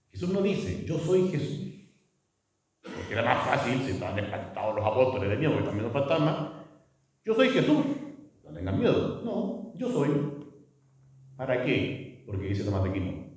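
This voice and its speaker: Man, priest, lively lecture, mellow voice, heard from far off in an echoey hall. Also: mid-range voice. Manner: animated, rhetorical questions, acts out dialogue.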